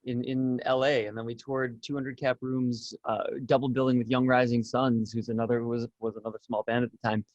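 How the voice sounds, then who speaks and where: A man's voice: medium pitch, level tone, a little fast, few pauses, darkish tone, dry recording, dull audio. A man being interviewed as a guest pianist, chatty and stumbling over repeated words. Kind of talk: casual interview.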